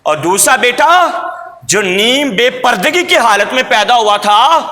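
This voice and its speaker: High-voiced man preaching in echoing hall. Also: big pitch swings, pushed and bright. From Pakistan. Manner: repetitive, emphatic storytelling. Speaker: religious preacher. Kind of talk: sermon with storytelling. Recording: long hall reverb.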